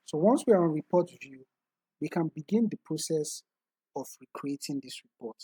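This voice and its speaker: A man talking through a screen-recorded software tutorial step by step, in a methodical way. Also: a little high, animated, normal speed, husky, no echo, poor audio. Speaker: tutorial instructor.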